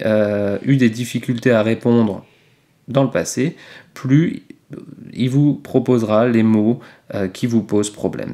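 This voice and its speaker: A man's voice: medium pitch, mellow. A man teaching French in a casual video lesson, explaining patiently with frequent hesitations. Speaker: French teacher, channel host. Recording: roomy echo.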